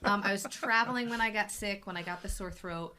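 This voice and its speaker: This is a female health coach running an informal live Q&A show, her talk loose and full of restarts as her voice recovers from sickness. She speaks in a mid-range, bright, forceful voice at a slightly fast pace, with a faint hiss or hum present.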